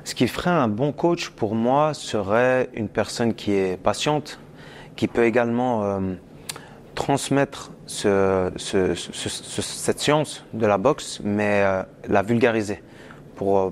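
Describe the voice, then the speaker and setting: Un homme, entraîneur principal d'une équipe, qui parle calmement en interview, avec quelques hésitations. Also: male voice, lowish voice, a little hiss or hum. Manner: calm, measured, with hesitations. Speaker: head coach of a team.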